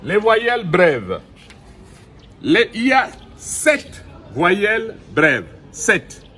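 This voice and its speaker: A middle-aged man giving a recorded language lesson outdoors, speaking slowly and deliberately and repeating each vowel and example word. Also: sits high, wildly swooping pitch, sharp tone, slightly rough. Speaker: language teacher. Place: outdoors in the sun.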